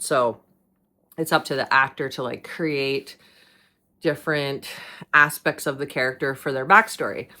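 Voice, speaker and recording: A woman's voice: low voice, a bit bright. A middle-aged woman hosting a podcast, talking casually about acting, often laughing and drifting off on tangents. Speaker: podcast host. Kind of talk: casual monologue.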